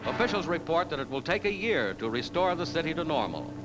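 Man, old newsreel voice-over, dramatic, highly animated pitch, music blaring behind. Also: brisk, low-quality recording. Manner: dramatic, emphatic announcing. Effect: old newsreel narration. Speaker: newsreel narrator. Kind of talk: 1940s newsreel narration.

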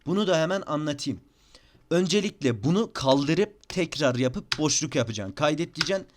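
A man's voice: fairly high pitch, animated, normal speed, noisy background. A young man with a Turkish accent, talking casually at his computer through a tutorial, repeating himself and sounding a little exasperated. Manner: chatty, repeats "bakın" and "abi", slightly exasperated. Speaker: gaming tutorial youtuber. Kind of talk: casual screen-recorded tutorial. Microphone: desk microphone.

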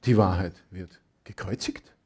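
A man's voice: low-pitched, a little slow, darkish tone, husky. A man giving an emphatic sermon that explains scripture. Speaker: preacher. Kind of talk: Bible exposition sermon.

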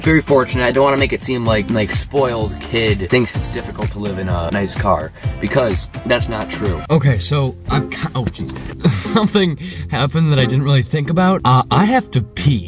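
A young man vlogging to a handheld camera from inside his car, talking in a loose, rambling way with lots of fillers. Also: mid-range voice. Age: young adult. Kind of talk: casual vlog narration. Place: inside a car in a garage, also a bedroom. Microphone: handheld camera at arm's length.

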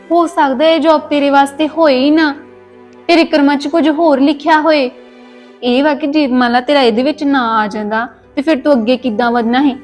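Caring elder sister, woman actor, Punjabi accent, high pitch, gently scolding. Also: lightly acted. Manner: consoling, scolding gently, homely. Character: caring young woman comforting her sister. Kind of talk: Punjabi family drama acting.

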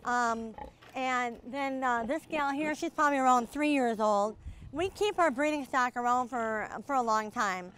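Folksy woman farmer with a higher voice. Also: unhurried, a bit bright, clear, resonant tone. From Minnesota. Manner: easygoing, folksy, many "you know" fillers. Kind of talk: casual farm tour interview. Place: outdoors on a farm.

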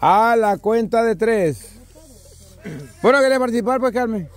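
A man's voice: very high voice, a little slow. A man with a Salvadoran accent casually calling out to a group as he organizes a challenge. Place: outdoors on a lawn at a party. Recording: outdoor crowd chatter, handheld phone.

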